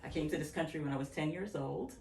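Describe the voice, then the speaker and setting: A woman's voice: low voice, fast, creaky, a little mellow. A woman in her fifties, originally from Barbados, talking in an interview at her home workspace; she speaks reflectively, rambling with restarts and occasional laughs. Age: 50s. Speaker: interview guest, natural hair care practitioner. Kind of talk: casual interview talk. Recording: echoey room, far from the mic.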